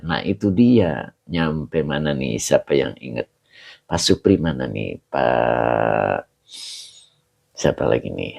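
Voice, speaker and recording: A man's voice: low-pitched, vocal fry, warm tone. A man with an Indonesian accent, a religious teacher casually greeting viewers of his live stream and reading their comments aloud with frequent chuckles.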